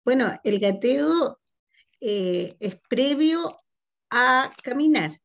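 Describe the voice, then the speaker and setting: A woman's voice: high voice, expressive, drawn-out words, vocal fry. A woman taking part in an online seminar, answering the speaker's question hesitantly, with many fillers. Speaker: seminar participant.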